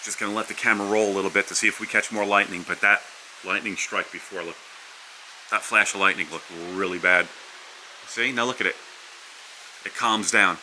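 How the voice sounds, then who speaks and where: A man's voice: lowish voice, fairly even intonation, brisk, pauses often, pushed and bright, rough recording. A man narrating a casual vlog outdoors from under a house porch during a storm. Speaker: vlogger. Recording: wind, rain and hiss behind voice.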